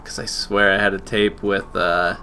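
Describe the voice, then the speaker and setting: A man's voice: low-pitched, level tone, moderate pace, bright, forceful tone, slight background noise. A man giving casual let's-play commentary, muttering to himself with mild exclamations as he plays a video game. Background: video game sound.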